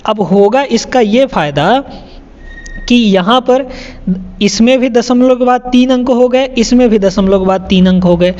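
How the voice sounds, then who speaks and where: A man's voice: very high-pitched, a little slow, a little mellow. A man. He repeats each step and keeps checking in with the class. The audio is dull and lo-fi, with a long reverb tail. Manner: repetitive, checks in with "है ना?" often. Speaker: math teacher. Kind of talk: classroom lesson explaining sums.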